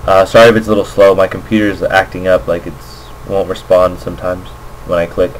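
A low-pitched man talks a little fast and flatly while working through a game out loud in hesitant, offhand commentary. The amateur Go player narrates a screen recording from his computer indoors through a makeshift microphone. Slight background noise sits under a rough recording.

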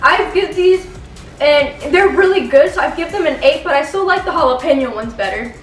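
A young woman co-hosting a casual food-tasting chat, talking with excitement. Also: sits high, brisk, distant mic, soft background music. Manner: excited, enthusiastic. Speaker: channel co-host. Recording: echoey room, off-mic.

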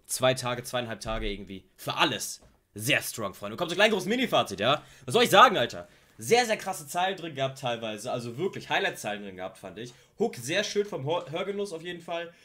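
A man hosting a casual reaction video to a rap track, full of slang, jumping between loud outbursts and low mutters. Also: very animated, brisk. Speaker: YouTube reaction host.

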